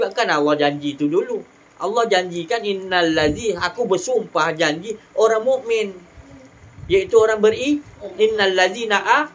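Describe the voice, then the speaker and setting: A religious teacher gives a sermon, animated and rising and falling in pitch for emphasis. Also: a little hiss or hum.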